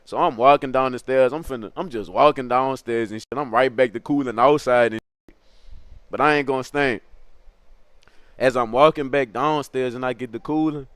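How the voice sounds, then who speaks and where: A young man telling a funny story in a casual, animated, slangy way, acting out other people's lines in a high voice. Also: normal speed, smooth, no room sound. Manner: animated slangy street storytelling, laughing, acts out quotes in a high voice.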